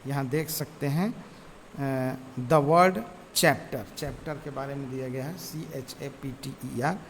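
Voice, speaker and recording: Male teacher, slightly high voice, reads lines out word by word; reverberant room, faint hiss. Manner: reads English lines slowly word by word, then explains, repeating "ठीक है". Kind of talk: teaching lesson, reading English text aloud and explaining in Hindi. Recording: roomy reverb with faint noise.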